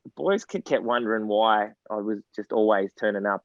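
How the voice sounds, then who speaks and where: A man's voice: lowish voice, fairly quick, dry recording. Australian man, 40s, chatty storyteller guest, dry dull recording. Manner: rambling storyteller, laughs through anecdotes. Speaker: interview guest, former footballer. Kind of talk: casual podcast interview.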